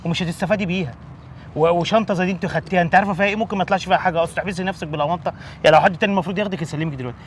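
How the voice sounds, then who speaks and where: A man playing a quick-tempered but kind father, speaking with an Egyptian accent in a loud, exasperated way. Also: sits high, close to an everyday voice. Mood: stern lecturing. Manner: loud and exasperated, then stern lecturing. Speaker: actor in a comedy skit. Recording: noisy outdoor street.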